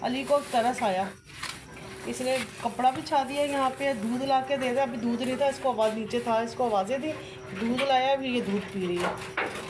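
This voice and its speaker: A high-pitched woman from Pakistan, talking on a casual home vlog. She explains things at length and breaks into excited exclamations. The audio is homemade, with plenty of background noise. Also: normal speed. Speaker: mother of the vlogger.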